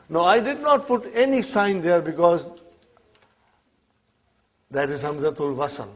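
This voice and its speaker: A male Arabic teacher, not a native speaker, talks slowly in a fairly high, husky voice. He checks in with the class again and again. The recording is dull and lo-fi. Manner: checks in often with "huh?" and "okay?". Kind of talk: classroom lesson.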